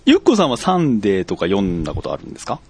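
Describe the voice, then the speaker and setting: A man's voice: on the low side, huge pitch swings, very fast, a little mellow, slightly rough, no room sound. A man moderating a casual podcast, joining over a remote connection. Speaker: podcast regular acting as moderator.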